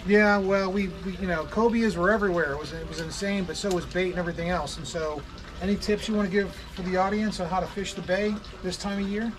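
A man's voice: high-pitched, steady tone, quick pace, rough recording. A middle-aged man hosting a fishing vlog outdoors, chatting loosely and joking on docks and boats. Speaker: fishing show host. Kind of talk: casual vlog chat. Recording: music bed underneath.

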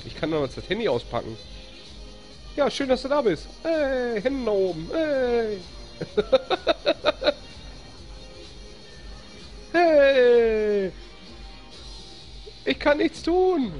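Giddy German let's-play gamer, lively pitch. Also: a little slow, soft background music. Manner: giddy, cheers and laughs often, complains when stuck. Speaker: live-stream gamer. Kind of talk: excitable let's-play commentary.

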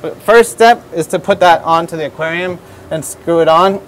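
A man's voice: on the high side, moderate pace, slight background noise. A man in his thirties with an American accent, upbeat and instructive as he demonstrates aquarium setup in a store showroom on a lapel mic. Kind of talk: product demonstration tutorial.

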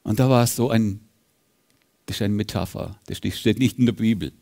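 A man preaching a sermon as pastor of a church, fervent, swinging from loud rises to hushed drops. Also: fairly low pitch, moderate pace, vocal fry. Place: church service.

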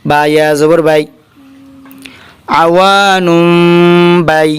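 Speaking unhurriedly in a fairly high, steady voice with vocal fry and a clean tone, a Bangladeshi man gives a letter-by-letter Quran spelling lesson. With his Bengali accent, he sounds out each syllable separately, then chants them together.

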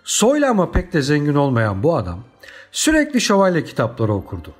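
A man reads a children's tale aloud with lively, dramatic storytelling, his voice rising and falling a great deal in a somewhat high register. Soft background music sits faintly under the narration. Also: a little fast. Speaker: audiobook narrator.

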